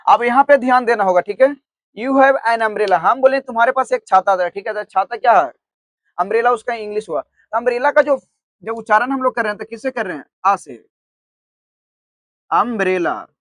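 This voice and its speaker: A man teaching an online grammar lesson who keeps asking his own questions and answering them, spelling words out slowly as he writes. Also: extremely high pitch, fairly bright tone, no echo. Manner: repeats "theek hai" often, asks and answers his own questions; spells words out slowly while writing on the board.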